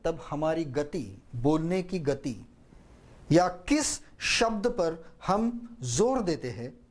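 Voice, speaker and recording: A man gives a spoken lesson as a public speaking trainer. His fairly high voice moves through a wide, animated range, and he talks at an unhurried, measured pace while he demonstrates word stress. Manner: slow, deliberate, demonstrates stress on words. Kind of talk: spoken lesson on speech emphasis.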